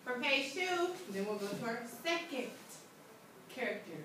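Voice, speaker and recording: A grade 7 English teacher gives classroom instruction, asking lots of questions and checking that her students understand. Her voice is a little high, sing-song and unhurried. The mic is distant, capturing an echoey classroom from afar with faint noise.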